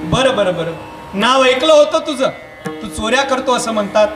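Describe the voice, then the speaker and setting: A man's voice: very high voice, animated, normal speed. A man playing a crooked, poor woman who scolds and pleads, inside a devotional storytelling sermon. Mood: wary. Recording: echoey hall with music behind.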